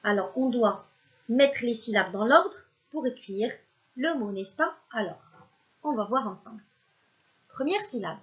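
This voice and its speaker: Slow, patient woman teacher sounding out syllables. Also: mid-range voice, muffled recording. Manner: speaks directly to the pupils as if they are present, praising them. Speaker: primary school teacher. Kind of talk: recorded remote reading lesson for young children.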